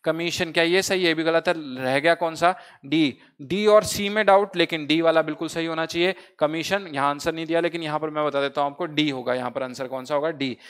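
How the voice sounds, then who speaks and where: Clear-voiced man teaching spelling. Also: on the high side, a bit bright. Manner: asks the class questions and answers them himself; spells words out letter by letter slowly. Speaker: English vocabulary teacher. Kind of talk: online exam-prep lesson.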